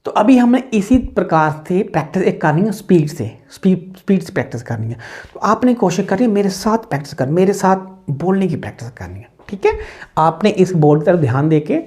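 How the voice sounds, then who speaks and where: A man teaching a spoken-English lesson at a board in a classroom. He gives brisk explanations with frequent checks, then draws out the example sentences slowly and repeats them. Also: high-pitched, very animated, mellow.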